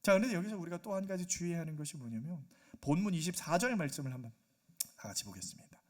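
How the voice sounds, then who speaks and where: High-voiced pastor preaching animatedly. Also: male voice, quick pace. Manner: animated, acts out quoted voices, asks the congregation questions. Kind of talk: sermon. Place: church sanctuary.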